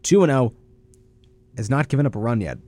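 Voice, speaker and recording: A man's voice: mid-range voice, sing-song, brisk, a little mellow, no room sound. A young man co-hosting a college radio sports show, moving between casual sports talk and scripted announcements.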